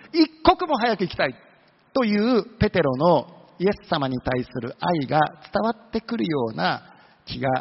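A man's voice: high voice, breathy edge. A man preaching a sermon, telling the story with humorous asides. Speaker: pastor. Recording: dull lo-fi sound with long hall reverb.

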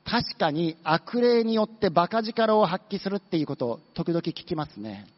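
Guy preaching in a church hall, high voice, muffled sound with long echo, tells it like a story. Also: animated. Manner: storytelling, acting out demons with quick asides. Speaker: pastor. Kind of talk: sermon.

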